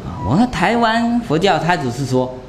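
A man's voice: a little high, sing-song, moderate pace, a little hiss or hum. A man, a Buddhist monk, giving a conversational dharma lecture, talking in a chatty way and often tossing rhetorical questions to his listeners.

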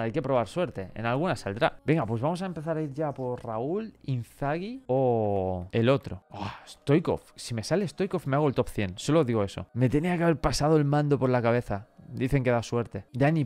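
A young man with a Spain Spanish accent giving casual, excitable commentary on his football game, bursting into shouts at good luck. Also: medium pitch. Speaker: gaming YouTuber.

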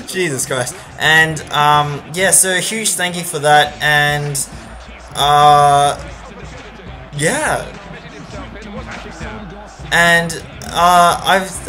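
A man's voice: on the high side, sharp tone. A man commentating a football video game in a casual, rambling voice-over with many fillers. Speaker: gaming channel host.

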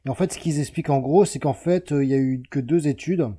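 A fast-talking Frenchman with a fairly high pitch and a dark, slightly rough tone hosts a self-help video. He rambles and corrects himself in a casual monologue aimed at the viewer, drawing a chart along the way.

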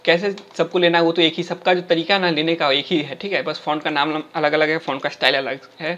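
A young man hosts a screen-recorded coding tutorial, walking through each step in a chatty way and checking in with the viewer after almost every sentence. His voice sits high and the words come quickly. The sound is dull and lo-fi, as from a cheap home microphone. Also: steady tone, pushed and bright. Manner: chatty, keeps tagging lines with "theek hai?".

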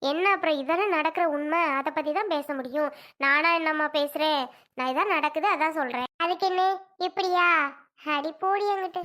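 A single performer carries a whole home family drama alone, switching between roles. The voice is extremely high and bright throughout. The delivery is scolding, with quick back-and-forth exchanges. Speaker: performer voicing every role in a family sketch.

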